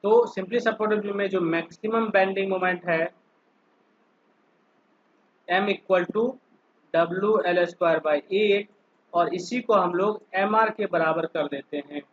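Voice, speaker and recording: High-voiced male lecturer, slow and patient. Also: lo-fi sound, a little hiss or hum. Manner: slow, stepwise, keeps asking students questions. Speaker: polytechnic lecturer. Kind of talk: online class lecture.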